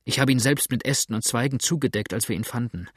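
A man reading aloud and voicing a blunt, gruff frontier sailor in a storybook adventure, speaking in rough outbursts. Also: medium pitch, fast, no echo, studio quality, lightly acted. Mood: agitated.

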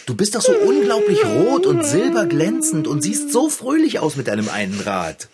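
A man playing an excitable, touchy bicycle tinkerer in a children's radio play, bickering and teasing defensively. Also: sits high, moderate pace.

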